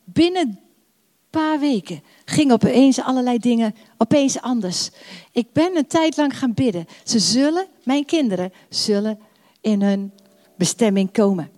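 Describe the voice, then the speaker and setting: An older woman delivers a sermon in a slightly high voice. She speaks warmly and emphatically, repeating key phrases and slowing into drawn-out prayer lines. Her voice carries a long reverb, as if recorded in a church hall. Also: animated. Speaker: preacher.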